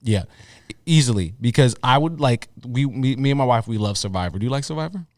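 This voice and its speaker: A man co-hosting a casual podcast chat, excitable and rambling, laughing often. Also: mid-range voice, fast, no echo, studio quality. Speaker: podcast co-host.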